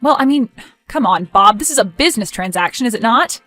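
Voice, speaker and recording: A woman's voice: on the high side, fast, soft background music. Woman playing a skeptical, chatty grown daughter. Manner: conversational, expressive, skeptical. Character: skeptical, chatty adult daughter, sharp-tongued and suspicious. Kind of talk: scripted story dialogue.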